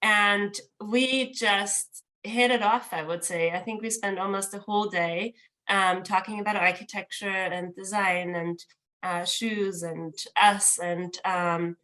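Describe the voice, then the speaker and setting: A woman's voice: mid-range voice, steady tone, a little slow, sharp tone, low-quality recording. A woman in her thirties from Austria, speaking as an architect in a conversational interview. She tells her story with animation and leans on "like" and "um". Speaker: architect, studio co-founder.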